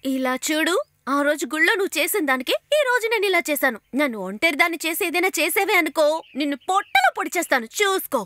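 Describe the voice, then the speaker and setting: An actress dubbing a feisty young village woman who teases and threatens, in film dialogue with loud music behind. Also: extremely high pitch, animated, fast, no room sound, heavily acted. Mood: threatening. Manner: teasing, threatening.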